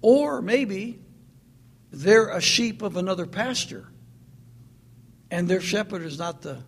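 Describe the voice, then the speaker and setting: A man's voice: fairly high pitch, gravelly, husky. A man preaching a sermon in an earnest, emphatic way, repeating his points.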